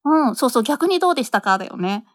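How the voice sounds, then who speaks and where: A woman's voice: sits high, big pitch swings, racing, no room sound, studio quality. A woman hosting a talk segment after a radio drama, chatty and enthusiastic. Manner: chatty, lots of fillers, enthusiastic. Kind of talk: casual chat.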